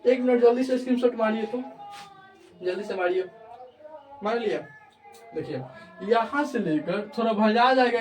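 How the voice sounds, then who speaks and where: Young male online tutor with a high voice, recorded from a distance. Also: darkish tone. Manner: repeats checks of understanding. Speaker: teacher. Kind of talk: online grammar lesson.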